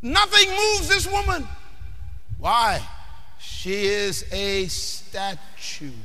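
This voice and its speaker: A man from the Bahamas, preaching a sermon emphatically, questioning the crowd and often shouting. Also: extremely high pitch, very slow. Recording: long hall reverb.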